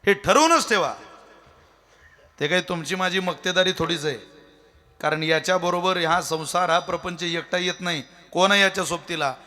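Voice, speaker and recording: A man's voice: high voice, normal speed, bright, forceful tone. A man giving a devotional sermon as a kirtan preacher, folksy and joking, throwing out rhetorical questions.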